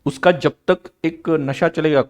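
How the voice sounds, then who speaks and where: A man's voice: a little high, steady tone, a little slow. A man teaching accounts in a live online lecture, playful and joking, with English phrases mixed in.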